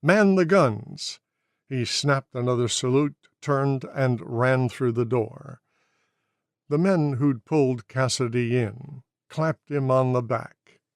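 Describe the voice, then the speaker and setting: Slow gravelly male audiobook narrator. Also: medium pitch, steady tone, dry recording, studio quality.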